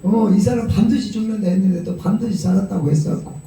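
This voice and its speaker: A man with a Gyeongsang accent preaching a sermon, telling the story in a lively way and acting out the quotes. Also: sits high, fast talker, creaky, distant mic. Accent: Gyeongsang Korean. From Gyeongsang region of Korea. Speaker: pastor. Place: prayer retreat hall. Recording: very echoey hall, voice from off the mic.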